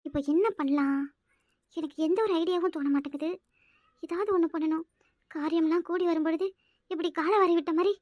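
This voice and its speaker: A sly young wife in a village cartoon, plotting aloud and whining in a very high, thin voice. She talks in pleading, self-pitying runs. The sound is dry and close. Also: steady tone, brisk, pauses often, dry recording, dull audio. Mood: scheming. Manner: whiny, sobbing, self-pitying. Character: scheming young wife, fakes pregnancy. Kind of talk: Tamil village cartoon voice acting.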